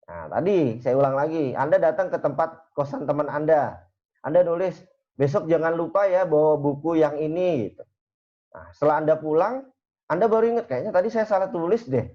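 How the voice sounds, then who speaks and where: A man giving a university lecture in a casual, conversational way, full of fillers. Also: medium pitch. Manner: conversational, uses many fillers. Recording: dull lo-fi recording.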